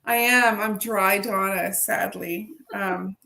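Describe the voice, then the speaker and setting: A woman's voice: medium pitch, fairly even intonation, takes it slowly, gravelly, sharp tone. A woman author chatting on a video call, self-deprecating and talkative. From Canada. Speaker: historical fiction author. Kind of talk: casual video chat.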